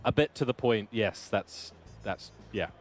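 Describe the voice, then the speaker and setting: A man's voice: fairly low pitch, animated, measured pace, faint music behind. A man streaming a racing game and chatting casually. He rambles in a jokey way and often corrects himself. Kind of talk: casual chat while racing. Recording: loud race car engine noise.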